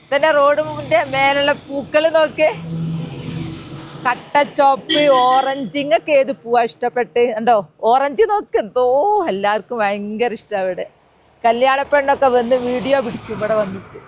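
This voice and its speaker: A woman's voice: sits high, normal speed, slight background noise. A woman chatting to her viewers in a casual gardening vlog, recorded outdoors in a garden beside a road. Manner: chatty, speaks straight to viewers. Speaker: gardening vlogger.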